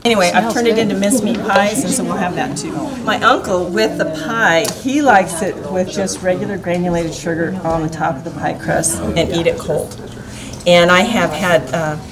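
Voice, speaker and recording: An American woman giving an informal cooking demonstration in a folksy, unhurried way. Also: fairly low pitch, steady tone, over a noisy crowd. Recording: echoey room, distant mic, loud kitchen clatter.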